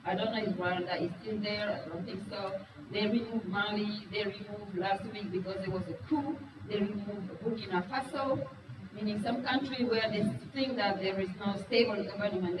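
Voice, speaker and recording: A woman with a medium-pitched voice gives a business talk to a live audience in a meeting room, recorded from a distant mic in an echoey, noisy space. Her first language is Wolof, and she speaks frankly and earnestly, putting questions to the audience.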